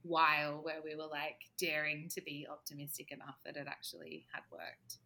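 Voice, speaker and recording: Bright-voiced chatty woman telling a story. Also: deep voice, moderate pace, vocal fry. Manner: animated, laughs often, says "like" a lot. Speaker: podcast guest. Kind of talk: casual storytelling chat.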